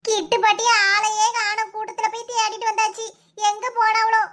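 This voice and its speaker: Very high, bright cartoon comedy voice. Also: female voice, completely flat delivery. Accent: Kanyakumari Tamil. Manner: scolding, teasing, rapid banter. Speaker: cartoon voice artist. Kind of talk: village cartoon comedy voicing.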